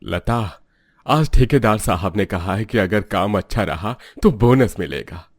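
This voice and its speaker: A warm, patient father, as a man voices him for a cartoon. His voice is low but moves a lot in pitch, and he sounds reassuring. The recording is dry. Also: animated, unhurried, dry recording. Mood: tender. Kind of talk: cartoon voice acting.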